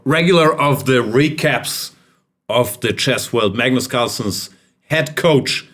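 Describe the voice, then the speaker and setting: A man's voice: mid-range voice, fairly bright tone. A man hosting a casual chess podcast, wry and joking as he introduces guests and recaps games. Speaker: podcast host.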